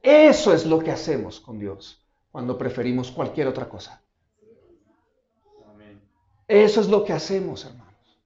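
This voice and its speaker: Male pastor, high voice, emphatic sermon delivery, recorded in a roomy church. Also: very animated, mellow, dull audio. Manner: emphatic preaching with dramatic pauses and repeated questions. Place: church auditorium.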